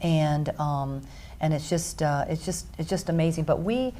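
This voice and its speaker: A woman hosts a talk radio interview with a low, mellow voice. She drives her points home in rhythmic lists, pausing with fillers before pushing on. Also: slight background noise. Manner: emphatic, stacks points in lists. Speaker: radio show host.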